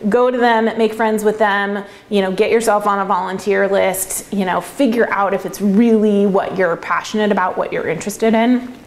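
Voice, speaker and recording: A woman's voice: mid-range voice, steady tone, moderate pace, hardly any pauses. A woman giving casual, reflective answers in an interview, talking in a conversational way. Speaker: interviewee, winemaker.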